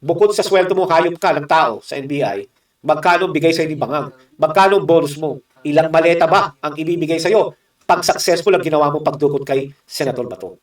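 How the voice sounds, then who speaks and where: A man's voice: a little high, reverberant, far from the mic. A man from the Philippines giving heated political commentary, combative and mocking, with constant rhetorical asides.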